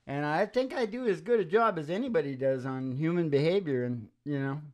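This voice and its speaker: This older man runs a radio music show, talking into a close microphone on a stand with wry, jokey, rambling banter and many chuckles. His voice is a little high with a darkish tone, and he speaks briskly. The setting is a small, dim room with a wood-panelled wall.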